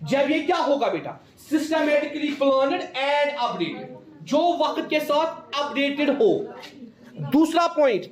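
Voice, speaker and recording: A male teacher giving a classroom lecture who keeps calling his students "beta" and repeats each key point as a question to the class. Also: very high voice. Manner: mixes Hindi with English terms. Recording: echoey classroom.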